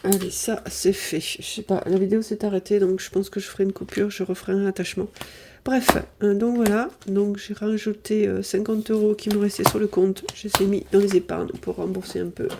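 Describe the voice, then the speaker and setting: A woman's voice: mid-range voice, flat delivery, fairly quick, gravelly, warm tone, a little hiss or hum. A woman from southern France with a stuffy nose from a cold, chatting casually through her budget and thinking aloud over the sums with many apologies. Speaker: budget vlogger. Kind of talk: casual budget diary chat. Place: apartment at home.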